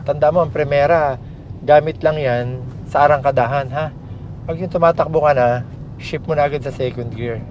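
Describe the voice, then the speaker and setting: Man, Filipino accent, driving instructor, short casual commands, muffled audio, loud car engine noise behind. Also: a little high, steady tone, normal speed. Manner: frequent short commands and tag questions. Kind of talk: hands-on coaching, casual instruction. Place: inside a moving car on the road. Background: engine and vehicle noise.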